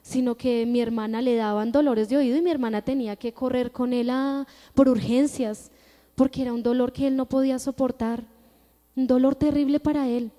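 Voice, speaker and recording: A woman's voice: sits high, steady tone, normal speed, mellow. A young woman with a Colombian Spanish accent, giving an earnest testimony in a church service. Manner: earnest, storytelling, emphatic. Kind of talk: testimony sermon. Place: church hall. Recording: long church-hall reverb.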